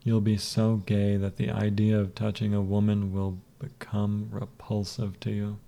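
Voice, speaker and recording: A man voicing a cruel, scheming male hypnotist who speaks slowly and softly in a commanding way. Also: fairly low pitch, monotone, vocal fry. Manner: slow, soft, commanding.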